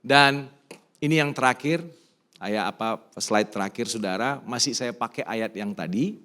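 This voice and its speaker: A middle-aged Indonesian-accented pastor preaching in a church, with a voice of ordinary middle pitch. He swings between emphatic, rising calls and quiet, personal storytelling. He drops English phrases into his preaching. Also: a little slow. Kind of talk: sermon. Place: church sanctuary.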